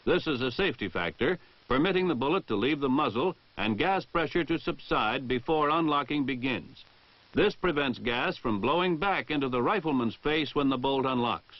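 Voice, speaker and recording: Styled as a 1960 military training film, this instructional narration is read by an American man in a formal, precise and measured way. His voice sits mid-range with lively intonation. The track has no room sound and the dull quality of a 1960 film soundtrack.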